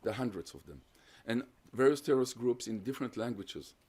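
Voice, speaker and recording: The speaker is a man whose first language is Hungarian, guest-lecturing on terrorism research. His voice is even, mid-range and slightly rough, and he moves through his points one by one in a measured, explanatory style before taking audience questions.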